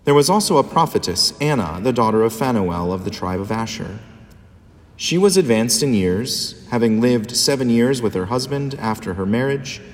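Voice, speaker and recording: A man, a priest, reading the Gospel and preaching a homily in a measured, solemn liturgical manner, his voice ringing with cathedral echo. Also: medium pitch, lively intonation. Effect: cathedral echo, long church reverb. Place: large church. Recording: long reverb in a large church.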